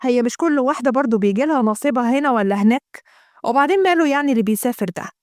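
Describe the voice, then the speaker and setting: A woman voices a middle-aged Egyptian housewife who argues with her husband, complaining and pleading in an Egyptian Arabic accent. Her high, expressive voice is very fast, recorded dry at studio quality.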